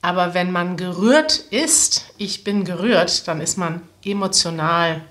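A woman's voice: fairly low pitch, a little slow, fairly bright tone. A woman, explaining jokes step by step to language learners. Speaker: language teacher and presenter. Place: small room indoors, seated at a table.

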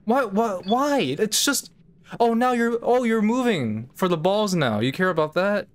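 A woman's voice: mid-range voice, expressive, unhurried, a little hiss or hum. A woman hosting a gaming channel, giving casual, sarcastic and bemused commentary and laughing often.

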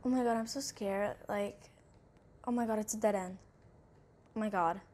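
A woman's voice: mid-range voice, steady tone, moderate pace, darkish tone. A woman hosting her own gaming channel, playing a horror game and commenting nervously, saying over and over how scared she is as she describes what she sees. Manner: thinks aloud, narrating what she sees. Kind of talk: let's-play commentary.

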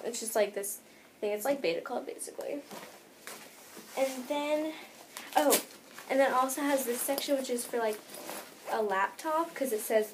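An American teenage girl with a high-pitched voice vlogs from her bedroom against a noisy background. Chatty and rambling, she peppers her talk with "like" while showing the camera what's in her bag.

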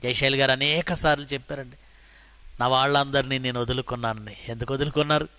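High-voiced man preaching a sermon. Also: a bit bright, clear, resonant tone, no echo. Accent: Telugu. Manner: preaching with rhetorical questions and dramatic Bible quotes. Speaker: pastor.

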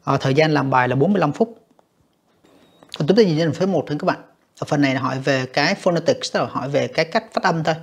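A man walks students through an exam in a slightly husky voice, repeating himself and calling to the class often. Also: fairly high pitch, fast talker. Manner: repetitive, addresses students directly with many fillers. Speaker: English teacher. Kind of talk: exam walkthrough lesson.

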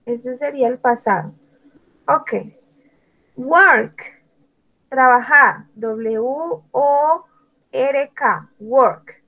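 Woman teacher, fairly high voice, unhurried delivery; spells each word aloud and calls on students by name. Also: pushed and bright, lo-fi sound. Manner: slow, spells out words letter by letter. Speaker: English teacher. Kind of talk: online language lesson.

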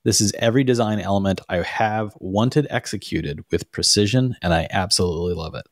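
Man, forties, podcast co-host, wry asides, lowish voice, dry close mic. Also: a little fast, creaky, no room sound. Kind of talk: casual chat. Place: home room with door and framed picture. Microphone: studio mic with pop filter.

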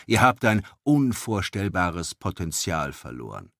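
A man voicing a proud male elf who speaks in a cold, measured way in an audiobook. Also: deep voice, very animated, a bit bright, no room sound, studio quality, full character voice.

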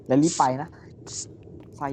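A man's voice: measured pace, very noisy. A young man playing a horror game with a friend, jumpy, swearing and urging him to hurry. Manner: jumpy, urges speed, swears. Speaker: gamer.

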